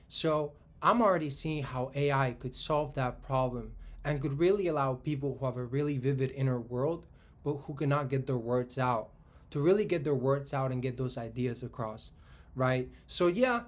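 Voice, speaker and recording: Thinking out loud in a relaxed monologue, a young man from Spain in his twenties, who comments on tech, talks over an idea at medium pitch. He often begins sentences again and frequently ends them with "right?"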